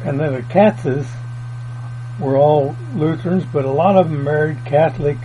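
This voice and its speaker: A folksy older man recounts his family history for an oral history project, meandering along in plain country grammar. His voice is fairly high at a moderate pace, and the dull lo-fi tape has a mains hum.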